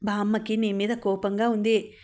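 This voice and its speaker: A woman voicing a gentle, pleading middle-aged mother in an audiobook story. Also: mid-range voice, little pitch movement, a little slow, natural voice. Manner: coaxing, pleading.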